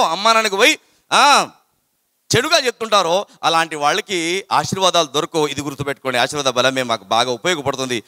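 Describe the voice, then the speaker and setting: High bright man, storytelling to students. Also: no room sound, clean studio sound. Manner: animated, repetitive, chanting. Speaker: motivational speaker to students. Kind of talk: storytelling talk with sung verses.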